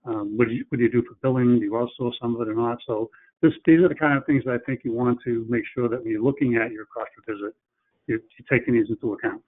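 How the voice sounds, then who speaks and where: A man's voice: medium pitch, quick pace. A man presenting in a webinar, talking in a plain, practical way and often restarting his phrases. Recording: phone-like webinar audio.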